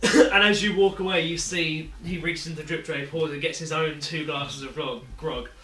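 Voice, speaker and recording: A man's voice: a little high, steady tone, normal speed, fairly bright tone. A man narrating a tabletop game as game master in a loose, casual way. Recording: echoey room with faint music.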